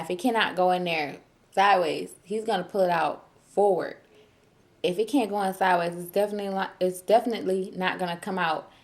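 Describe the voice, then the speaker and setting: A young woman, telling a story casually and animatedly, laughing often and acting out her own shouting. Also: on the low side. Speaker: new mother vlogger.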